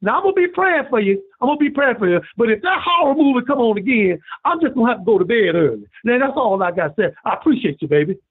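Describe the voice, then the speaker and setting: Male caller, high husky voice, lively and preachy, tinny phone audio. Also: fast talker, few pauses. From Birmingham, Alabama. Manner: preachy, repetitive, animated storytelling. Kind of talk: call-in rant.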